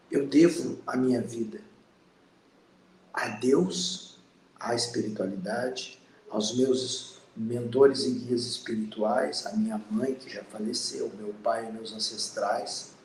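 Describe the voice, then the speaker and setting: A man in his fifties from Brazil, hosting a spiritual channel and giving a slow, earnest, reflective monologue. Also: mid-range voice, fairly even intonation, a little mellow, roomy sound, slight background noise, rough recording. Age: 50s. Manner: slow, pausing, earnest and introspective.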